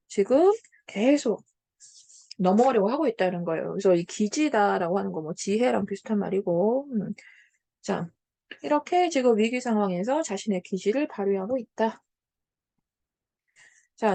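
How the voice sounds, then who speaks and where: A woman's voice: medium pitch, mellow, no room sound. A woman teaching a Korean literature lesson, explaining a passage by paraphrasing it, with many fillers and frequent questions to check that students follow. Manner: asks students to confirm understanding.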